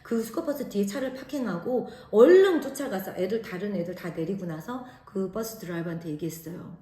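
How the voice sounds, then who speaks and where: Middle-aged Korean mom vlogger, loud voice, mid-pitched, echoey room. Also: female voice, fairly quick. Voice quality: naturally loud voice. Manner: animated, acts out quoted lines. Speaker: vlogger, mother. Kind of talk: casual storytelling.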